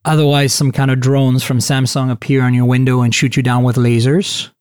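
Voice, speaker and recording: A man hosting a casual tech podcast, talking in an animated, chatty way with lots of fillers and restarts. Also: mid-range voice, fairly quick, smooth, dry recording, clean studio sound. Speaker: podcast host.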